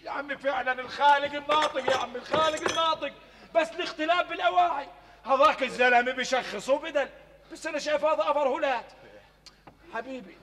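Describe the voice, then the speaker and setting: An actor playing a fussy, scheming older shopkeeper in a televised stage comedy, effusive and sly. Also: male voice, very high voice, fast talker, bright, forceful tone, slight background noise. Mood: suspicious. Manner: effusive, overly hospitable, sly. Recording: reverberant stage hall.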